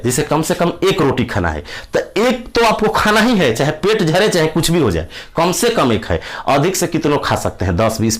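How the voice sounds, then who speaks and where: A man teaching a physics lesson to exam students, explaining with everyday examples and repeating key words. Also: on the high side. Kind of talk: classroom lecture for exam students.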